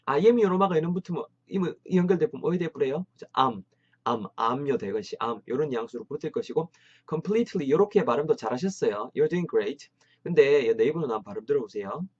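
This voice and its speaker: A man leads an English lesson with energy and encouragement, repeating phrases for learners to copy. His pitch sits in a middle register. The sound is slightly dull, as if from a modest lo-fi setup. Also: lively intonation, fairly quick, a little mellow, slightly rough. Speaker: English teacher.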